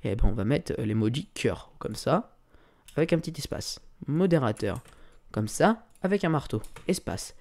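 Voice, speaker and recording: A man's voice: medium pitch, normal speed. A man giving a casual, screen-recorded tutorial, talking through each click with lots of fillers. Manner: relaxed, talks through clicks with many fillers. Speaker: tutorial creator.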